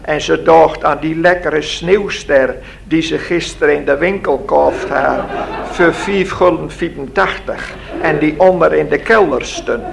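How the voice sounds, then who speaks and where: Slow, gravelly male storyteller. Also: fairly high pitch, background noise. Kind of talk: reading a story aloud.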